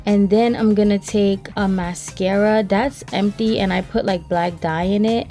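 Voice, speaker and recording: A woman's voice: mid-range voice, warm tone. Chatty young woman, slangy voice-over. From Trinidad and Brooklyn. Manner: chatty and slangy, addresses viewers as y'all. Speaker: hairstylist and vlogger. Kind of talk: casual voice-over hair tutorial. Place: voice-over, not recorded in the pictured place.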